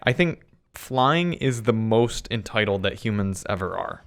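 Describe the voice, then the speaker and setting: A man's voice: on the low side, lively intonation, unhurried. A young man co-hosting a car podcast, chatting and teasing with easy enthusiasm. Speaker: podcast co-host. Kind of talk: casual chat.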